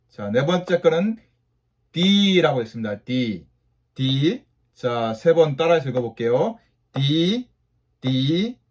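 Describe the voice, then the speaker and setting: A man giving a patient beginner English lesson to mothers, saying each letter and asking the listener to repeat it three times. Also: mid-range voice.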